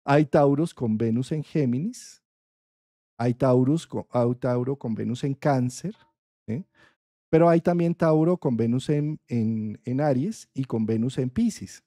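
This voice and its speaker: Colombian man teaching astrology, mellow voice. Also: medium pitch, a little slow, no echo, clean studio sound. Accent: Colombian Spanish. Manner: conversational, checks in with frequent "¿sí?". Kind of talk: explanatory astrology lesson.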